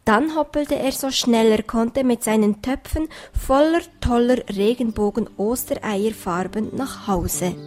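A woman calmly narrating a children's story. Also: a little high, measured pace, hardly any pauses.

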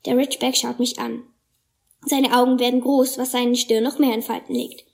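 A woman's voice: on the high side, flat delivery, normal speed, vocal fry. A woman reading a children's animal adventure story aloud and putting on voices for the characters. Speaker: narrator.

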